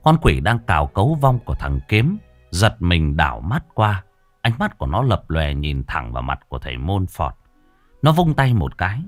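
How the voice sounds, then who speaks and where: A man narrating a ghost story with dramatic, expressive delivery. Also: low voice, moderate pace, dry recording, soft background music.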